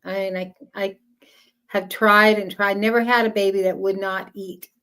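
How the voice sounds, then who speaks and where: A woman chatting casually in a halting way, repeating words as she goes. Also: mid-range voice, flat delivery, a bit bright, clean tone. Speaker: small farmer. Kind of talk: casual chat.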